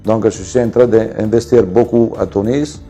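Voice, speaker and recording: A man's voice: lowish voice, fairly even intonation, normal speed, dark tone, faint music behind. A businessman from the Venice region with an Italian accent, presenting his companies in French with many fillers and restarts. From Venice region, Italy.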